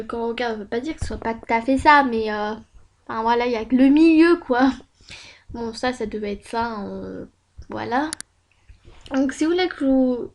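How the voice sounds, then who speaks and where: A woman YouTuber chatting casually over a screen recording at home, rambling with many fillers and self-mocking asides. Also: on the high side. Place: at home at her computer.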